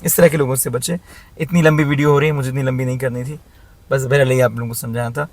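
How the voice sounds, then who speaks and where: A man's voice: medium pitch, steady tone, quick pace. A man hosting his own channel, delivering an emphatic, blunt commentary that scolds his critics. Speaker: channel host. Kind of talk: opinionated commentary vlog.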